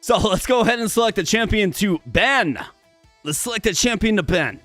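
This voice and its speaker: An upbeat male game streamer with a slightly high, worn-sounding voice talks animatedly at normal speed, with soft music behind and no echo. Chatty and addressing viewers directly, he sounds strained and sometimes stutters or repeats words.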